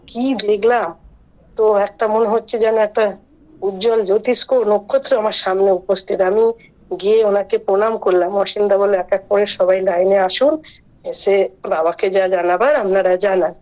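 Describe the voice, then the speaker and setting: A middle-aged woman giving a halting, earnest personal account as a devotee over a video call. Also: mid-range voice, mellow. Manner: halting, earnest storytelling with pauses. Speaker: devotee sharing her experience. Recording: muffled online call audio.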